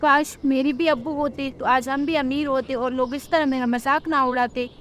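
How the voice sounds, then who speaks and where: A sulky, demanding little girl bird from a cartoon story, speaking in a very high, childish whine, as a woman narrator puts her on. She talks like a spoiled child who wants things her way. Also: steady tone, normal speed, a bit bright, slight background noise.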